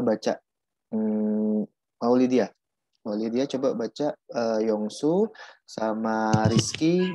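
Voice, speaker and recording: Man teaching in a casual, halting way. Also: mid-range voice, mellow, no room sound. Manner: casual, repeats and restarts while explaining. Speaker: Korean language teacher. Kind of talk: online class explaining Korean pronunciation. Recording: dull muffled audio.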